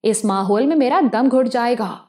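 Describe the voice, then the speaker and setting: A woman's voice: fairly high pitch, dark tone, natural voice. Woman voicing a desperate, unhinged young gangster woman. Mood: defiant. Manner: tearful, then screaming in a frenzy. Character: desperate young woman gang member, unstable.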